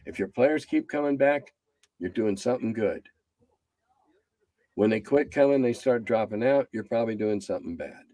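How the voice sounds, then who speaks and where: Animated and pausing often at a moderate pace, this man in his 70s rambles bluntly through a casual interview about his work as a game designer. His voice sinks low and quiet as he winds down. The audio has no echo.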